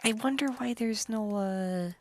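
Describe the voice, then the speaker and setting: A woman's voice: a little high, measured pace. A woman streaming a game, chatting casually and rambling in a loose, meandering way with the odd swear. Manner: rambling, chatty, trails off into half-whispered asides. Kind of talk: casual gameplay commentary.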